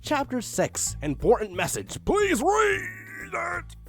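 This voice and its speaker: In a very high, creaky, fairly bright voice with huge pitch swings, a man slowly reads a badly written fan story. He's exasperated and mock-dramatic, alternating sighs with outbursts, as soft music plays.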